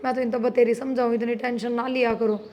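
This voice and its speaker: Woman acting a bossy young daughter, Haryanvi accent, higher voice, persuasive, scheming, comedy drama. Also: flat delivery, a little fast, darkish tone, lightly acted.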